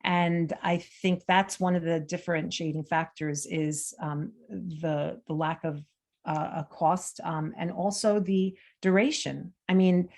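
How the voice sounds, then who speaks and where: Here a middle-aged woman from the United States, a native Armenian speaker, chats as an interview guest. Her voice sits on the low side, steady and unhurried, with a creaky, darkish quality, and her loose talk is peppered with fillers and false starts.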